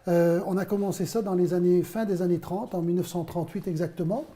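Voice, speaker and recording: Quick-paced and dark in tone, this high male voice keeps a fairly even intonation. The speaker, a man in his fifties originally from Belgium, produces wine and explains his work in interview answers, telling stories with many hesitations.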